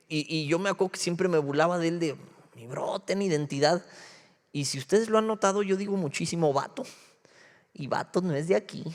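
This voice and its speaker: A young man with a Mexico City accent preaches a casual youth sermon. He jokes, uses slang and keeps asking his listeners whether they follow. His fairly high voice rings out in a hall with long reverb. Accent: Mexico City Spanish. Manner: joking, slangy, peppered with rhetorical check-ins. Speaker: youth pastor.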